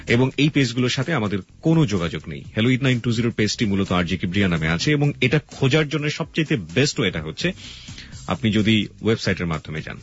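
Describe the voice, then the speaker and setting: A man hosting a talk radio show, speaking earnestly to listeners with drawn-out "ah" fillers, heard through an AM radio broadcast. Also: on the low side. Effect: lo-fi AM radio broadcast sound. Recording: muffled band-limited radio broadcast.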